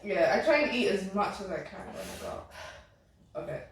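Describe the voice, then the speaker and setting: A woman's voice: mid-range voice, wildly swooping pitch, a little fast. A woman chatting casually during a food challenge. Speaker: video host. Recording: echoey room, distant mic, faint noise.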